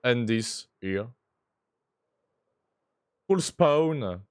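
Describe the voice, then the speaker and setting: A man's voice: medium pitch, lively intonation, very slow, clear, resonant tone. A man with a French accent chatting casually on a game stream, playfully mixing in English. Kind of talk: casual gaming stream chat.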